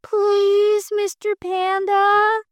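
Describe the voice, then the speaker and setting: A woman voicing a small, cute, polite male animal from a storybook, speaking in a high, sweet, pleading way. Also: completely flat delivery, very slow, no echo, exaggerated voice. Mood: eager polite.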